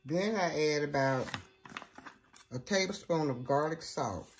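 Slow, folksy woman cooking at home. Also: low voice, animated. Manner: folksy, chatty, says "okay" often. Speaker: cooking show host. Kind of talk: casual cooking demonstration. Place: home kitchen. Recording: noisy home kitchen recording.

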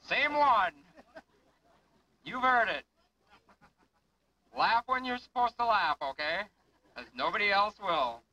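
High, bright, hammy male show announcer. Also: expressive, slow pace, pauses often, dull audio, slight background noise. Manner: hammy, florid pirate-flavored patter. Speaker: water ski show announcer. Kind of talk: theatrical live show announcing.

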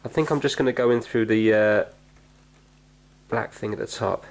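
A middle-aged British man presents a repair vlog, thinking aloud and giving casual, explanatory commentary as he works hands-on at floor level in an indoor room with a wooden floor. His voice is lowish at a normal speed, with clear background noise and clicks in the recording.

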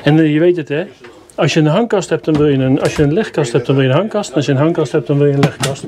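A camper-reviewing vlogger strolls through a motorhome at a product show, chatty and enthusiastic with a bit of grumbling. His voice is slightly high, very fast and warm. Noisy camera audio captures the casual walkthrough.

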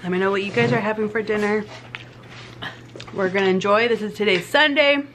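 A woman's voice: medium pitch, a little fast, background noise. A young woman vlogging casually at a family dinner, giggly and switching between English and Spanish. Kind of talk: casual mukbang vlog chat.

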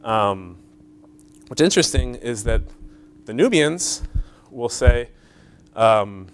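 A man's voice: mid-range voice, expressive, slow. Man, conference lecturer, step-by-step explanations, frequent fillers, audience questions, faint hum behind. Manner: explains step by step, checks in with "right?" and "okay?". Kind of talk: academic conference talk.

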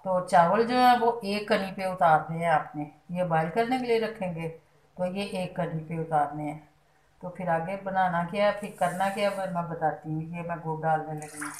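A woman's voice: on the low side, normal speed, a little mellow. A middle-aged woman hosting a home cooking demonstration from her kitchen, explaining each step in a homely way and adding blessings. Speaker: cooking channel host. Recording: echoey kitchen, faint clatter. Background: clinking pots and utensils.

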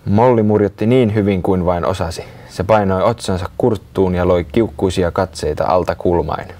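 A man reading a children's story aloud in a calm, unhurried way. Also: low-pitched.

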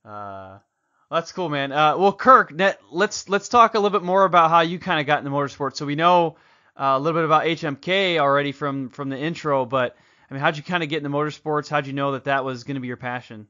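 Bright-toned podcast host. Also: male voice, fairly high pitch, brisk, muffled recording. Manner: friendly, laughs easily, many fillers. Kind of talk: casual podcast interview.

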